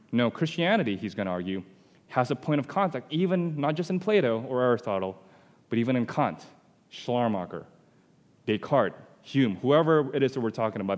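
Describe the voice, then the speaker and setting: A man's voice: medium pitch, darkish tone, big-room sound. A man from Indonesia giving an explanatory theology lecture, stressing points with rhetorical questions.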